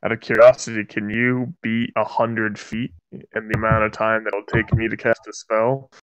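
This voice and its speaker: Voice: mid-range voice, little pitch movement, a little slow, fairly bright tone, smooth, no echo, dull audio. A player in casual, in-character banter during a tabletop role-playing game.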